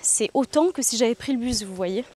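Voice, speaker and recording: Candid, higher-voiced young French woman. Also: animated, fairly quick, warm tone. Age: 20s. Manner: candid and reflective, many hesitations. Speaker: travel vlogger. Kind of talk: casual confiding vlog. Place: outdoors, walking.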